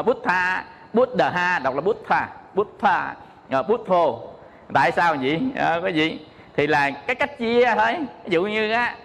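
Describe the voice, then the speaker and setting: Monk explaining stuff to his listeners, lots of "à", keeps checking they get it, pretty high voice, hall echo. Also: a bit bright. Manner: explanatory, often asks "hiểu không?", many "à" fillers. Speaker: Buddhist monk teacher. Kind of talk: dharma talk to an audience.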